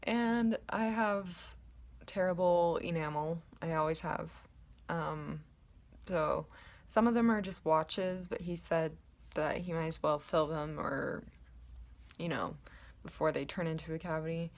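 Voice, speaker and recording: A young woman vlogging casually at home to a camera, with a low voice and a rambling, chatty way of talking full of ums. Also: a little slow. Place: at home, indoors in her apartment. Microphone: camera in front of her.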